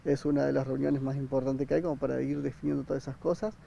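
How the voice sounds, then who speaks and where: A man, a campground manager speaking haltingly in an outdoor interview. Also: mid-range voice, flat delivery, creaky, mellow. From Argentina. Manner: hesitant, many fillers and restarts. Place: outdoor park by a river. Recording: dull sound, faint outdoor noise.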